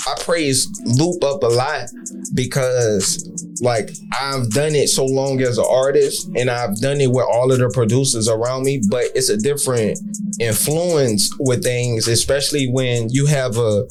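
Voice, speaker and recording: Man in his thirties, rapper, casual podcast chat, slangy, rambling, lots of restarts, mid pitch, faint music behind. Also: unhurried, darkish tone. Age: 30s.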